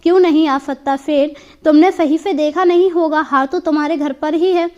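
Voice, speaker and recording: A disguised sun god speaks calmly and reasons patiently in a high storybook voice, as a woman reads him. His manner stays steady and assured. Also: normal speed, dull audio, lightly acted. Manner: calm, reasoning. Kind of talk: storybook character voice.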